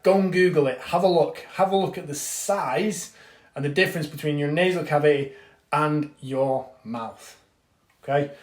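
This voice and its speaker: Brief: male fitness coach, casual live-stream teaching, chatty with mild swearing, roomy echo on the mic. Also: on the high side. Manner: chatty, reads out viewer comments, swears casually. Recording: echoey room.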